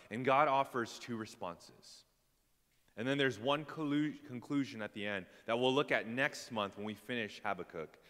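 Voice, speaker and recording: A man's voice: mid-range voice, fairly bright tone. A man preaching a casual, self-deprecating sermon to his congregation, with plenty of fillers. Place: church hall. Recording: long hall reverb.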